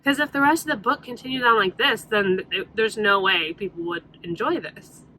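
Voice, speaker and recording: Bright-voiced woman vlogging frankly. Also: medium pitch, moderate pace, slight background noise. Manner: frank, exasperated, swears freely. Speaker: book vlogger. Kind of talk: casual vlog chat. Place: in a truck on a hot day.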